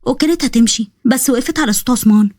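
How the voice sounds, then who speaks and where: A woman storyteller with an Egyptian accent, narrating a drama story in a fast, conversational way. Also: fairly high pitch, darkish tone, no room sound, clean studio sound. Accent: Egyptian Arabic.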